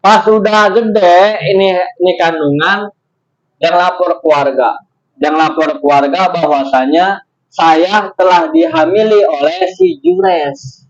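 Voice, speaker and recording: High-voiced man teaching with slow stories. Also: creaky, highs cut off. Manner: lively storyteller, slangy asides. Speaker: religious teacher. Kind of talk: storytelling religious lesson.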